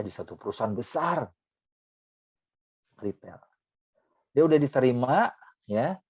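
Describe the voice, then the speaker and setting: A middle-aged man preaching a conversational sermon with animated pitch jumps for emphasis, often dropping in English phrases. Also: husky, dry recording, dull audio.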